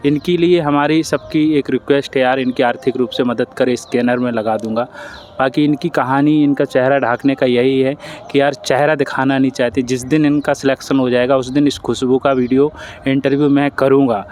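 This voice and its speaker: A man's voice: medium pitch, fairly even intonation, brisk, darkish tone, a little hiss or hum. A man hosting an interview, earnest and consoling as he speaks to his guest and to viewers. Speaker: interviewer, channel host.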